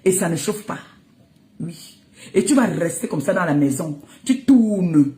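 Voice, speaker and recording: A woman's voice: on the low side, animated, unhurried, warm tone, reverberant. A woman, ranting and scolding someone on social media, mocking and breaking into laughter. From Cameroon. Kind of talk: heated live rant.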